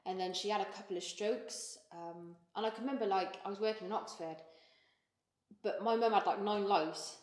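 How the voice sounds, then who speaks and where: A woman telling a personal story in an interview, blunt and sweary, halting with fillers and getting emotional. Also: medium pitch, darkish tone. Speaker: guest. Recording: echoey room.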